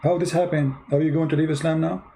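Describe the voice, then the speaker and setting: A man hosts a call-in show, pressing the caller with the same questions again and again. His voice sits fairly high but sounds warm and mellow. There is a faint noise floor under the recording. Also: fairly even intonation, fast talker, gravelly. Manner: pushy, repeats questions. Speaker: host. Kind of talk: live call-in debate.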